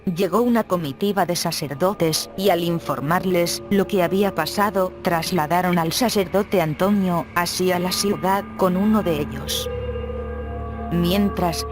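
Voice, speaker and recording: A text-to-speech voice narrating true horror stories in an even, steady reading. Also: mid-range voice. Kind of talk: scripted horror story narration.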